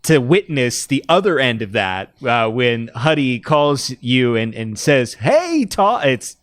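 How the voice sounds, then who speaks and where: A man hosts a relaxed podcast interview, with short prompts and easy laughter. His voice is recorded dry, with no room sound. He speaks at an ordinary male middle pitch. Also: a little slow, no room sound. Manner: easygoing, laughs along, brief prompts. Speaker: podcast host.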